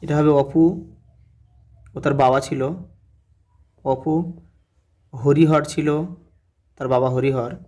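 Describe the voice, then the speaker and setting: A man's voice: medium pitch, fairly even intonation, takes it slowly, long pauses, warm tone. A man teacher going through exam answers one by one, often saying "look" and spelling words out syllable by syllable.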